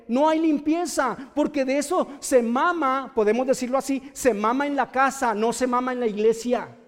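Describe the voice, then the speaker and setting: A man's voice: extremely high pitch, long reverb tail. A man with a Mexican accent preaching a sermon, scolding and questioning his listeners directly. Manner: addresses listeners directly with pointed rhetorical questions.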